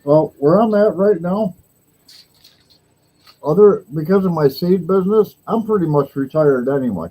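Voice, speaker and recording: A man in his sixties hosting a casual chat, his voice pitched a little high but dark and mellow. He talks in a loose, rambling way and laughs easily. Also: moderate pace, long pauses, poor audio. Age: 60s. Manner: relaxed, rambling storyteller who laughs easily.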